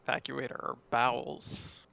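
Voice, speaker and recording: Bright-voiced joking male player. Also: medium pitch, flat delivery, slow, gravelly. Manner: jokey, chatty, laughs often. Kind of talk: casual tabletop game chat.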